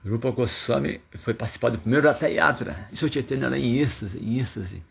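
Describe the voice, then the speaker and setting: Gravelly Brazilian man telling scripture stories. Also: medium pitch, expressive, a little fast. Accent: Brazilian Portuguese. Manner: storytelling with acted quotes, many fillers and restarts. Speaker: religious teacher. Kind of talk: scripture reading commentary.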